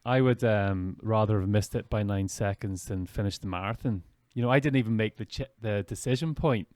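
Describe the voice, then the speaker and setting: A man with a fairly low voice hosts a podcast and reflects aloud on the race, pausing and restarting as he thinks. His sound is dry and close, with no room echo. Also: a little mellow. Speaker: podcast host. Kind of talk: casual interview chat.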